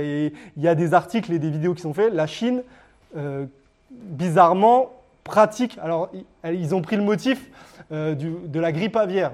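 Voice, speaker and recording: A man giving a public lecture with slides, talking straight to his audience and pausing often on filler sounds. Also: on the high side, a little mellow. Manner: hesitant, frequent "euh" fillers and restarts; addresses the audience directly. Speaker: conference speaker.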